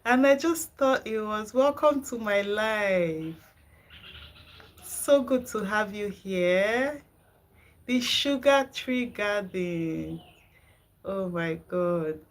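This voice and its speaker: A Nigerian woman runs a gardening live stream from her home garden and kitchen, chatting casually with viewers and answering their comments. Her mid-range voice has lively intonation, and she draws out her words.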